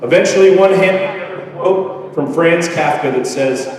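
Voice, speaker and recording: A man's voice: fairly high pitch, measured pace, darkish tone. A man in his thirties giving a joking, candid graduation speech as a teacher. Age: 30s. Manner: self-deprecating, candid, joking. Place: large hall, from far off. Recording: echoey hall, distant mic.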